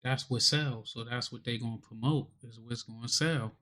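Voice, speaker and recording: A man's voice: medium pitch, fairly even intonation, normal speed, a bit bright. A man co-hosting a podcast, talking casually in a laid-back way with slang. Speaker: podcast co-host. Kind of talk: casual chat.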